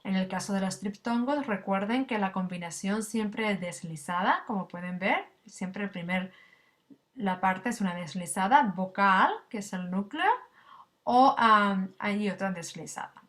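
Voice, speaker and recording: A woman gives a recorded lesson at a patient, explanatory pace. Her pitch sits in a middle range, neither high nor low. She stops often with small fillers as she explains each point. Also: unhurried, a bit bright. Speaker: Spanish teacher. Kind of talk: recorded lecture.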